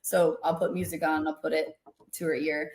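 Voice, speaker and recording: Lively woman in her forties, laughing often. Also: sits low. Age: 40s. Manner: animated, laughs often, quick asides. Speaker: podcast guest. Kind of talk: casual chat.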